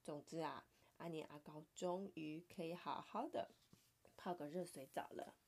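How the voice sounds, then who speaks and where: This woman has a low-sitting, slightly breathy voice and a Taiwanese Mandarin accent, reading a picture book to her child at normal speed. The delivery is playful and lively, broken by occasional soft whispers.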